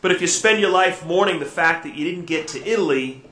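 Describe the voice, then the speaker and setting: Inside a church with cathedral echo, a male priest with a slightly high voice reads the Gospel and preaches at Mass. His own remarks come across as gentle and thoughtful, broken by halting fillers.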